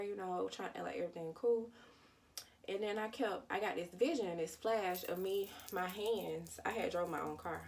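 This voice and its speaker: A young woman vlogger, telling a personal story in a candid, casual way with dark humor. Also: fairly low pitch, far from the mic, slight background noise.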